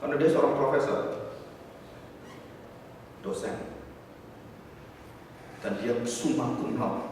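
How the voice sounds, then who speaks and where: Preacher in an echoey hall. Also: male voice, medium pitch, slow pace, pauses often. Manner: swings from hushed to loud when quoting others. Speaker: pastor. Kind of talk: sermon storytelling. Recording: echoey hall from far off, faint noise.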